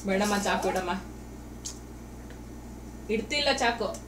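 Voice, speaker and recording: Mother at home, mid-pitched voice, patient coaxing questions, faint background noise. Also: slow pace. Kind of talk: casual home chat with her child.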